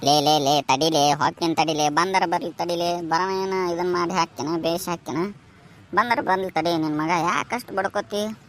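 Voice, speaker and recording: A man with a North Karnataka Kannada accent voicing a gruff, dismissive village father who talks curtly in a cartoon. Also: fairly high pitch, fairly even intonation, normal speed, slight background noise, lightly acted. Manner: brushes off with curt "le" calls. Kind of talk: cartoon voice acting.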